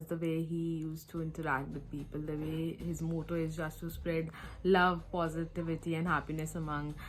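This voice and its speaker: Woman, lower voice, heartfelt fan message, faint music. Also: little pitch movement, normal speed, poor audio. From India. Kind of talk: fan testimonial.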